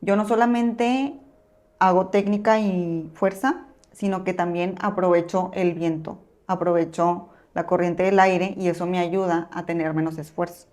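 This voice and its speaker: A calm, wise eagle that patiently explains, as in a storybook put on by a woman. The voice is low-set, unhurried. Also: lightly acted.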